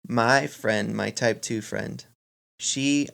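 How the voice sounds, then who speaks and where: A man hosting a podcast solo, explaining things informally in measured phrases and addressing listeners directly as friends. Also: lowish voice, gravelly, fairly bright tone. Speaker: podcast host.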